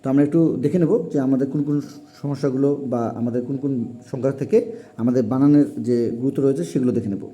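A man teaching a spelling lesson in a formal, repetitive way, with frequent pauses. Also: medium pitch, fairly even intonation, warm tone. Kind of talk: classroom lesson for parents and young pupils.

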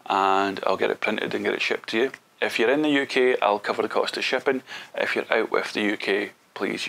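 A man's voice: fairly low pitch, gravelly, a bit bright. A man, talking casually to camera from his studio with frequent ums. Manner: chatty, loose, frequent ums. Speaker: photography vlogger. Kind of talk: casual vlog outro. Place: indoor home studio.

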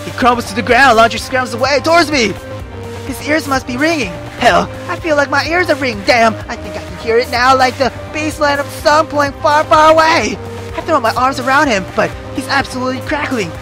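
Animated, foul-mouthed woman reading a game. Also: high-pitched. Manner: profane, emotional, reacts loudly. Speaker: let's play host. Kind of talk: reading a visual novel aloud.

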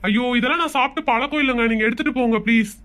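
A woman's voice: fairly high pitch, racing, a bit bright, pitched below the performer's own voice, lightly acted. A woman voicing a curt, aloof young man in a comic Tamil cartoon, speaking bluntly and dismissively.

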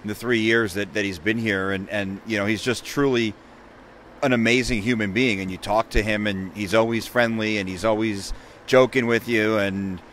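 Low-voiced reporter, earnest and reflective. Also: male voice, fairly even intonation, moderate pace, a bit bright, a little hiss or hum. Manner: reflective, earnest, many repeats. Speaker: sports radio reporter guest. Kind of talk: casual post-game chat. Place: inside an empty hockey arena, rinkside.

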